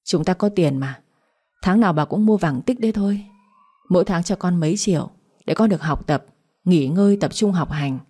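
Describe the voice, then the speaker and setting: A woman's voice: fairly low pitch, normal speed, dark tone, husky. A woman voicing a middle-aged father who pleads and reproaches his wife. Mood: pleading. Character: aggrieved middle-aged father, patient then angry.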